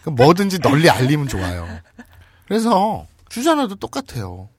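Man, comic language lesson, storytelling, very lively pitch, husky. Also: moderate pace, no room sound, studio quality. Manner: animated storyteller, bursts into loud laughter. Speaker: Japanese language teacher and co-host.

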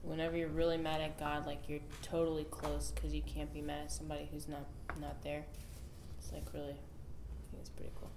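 Lady in the crowd chiming in, low monotone voice, kinda far from the mic, echoey noisy room. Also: brisk. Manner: hesitant, filler-heavy. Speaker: congregation member. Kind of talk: casual comment in group discussion.

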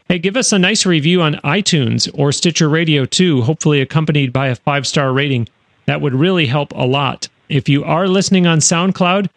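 A man hosts a radio interview show and closes the episode in a chatty way, with frequent fillers and restarts. His voice sits a little high for a man. It was recorded dry and close in a studio. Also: dry recording.

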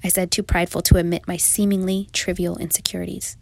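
A woman's voice: fairly low pitch, little pitch movement, quick pace, gravelly, darkish tone, dry recording. A young adult woman reading her own first-person story in a reflective, confessional manner. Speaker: narrator. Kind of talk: first-person memoir narration.

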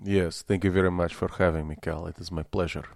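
A man's voice: low voice, fairly even intonation, quick pace, creaky, darkish tone, dry recording, clean studio sound. A man playing a pompous, fanatical Russian sour cream promoter with a heavy Russian accent and a solemn, faintly menacing manner, as a guest in a comedy interview. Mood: earnest, proud.

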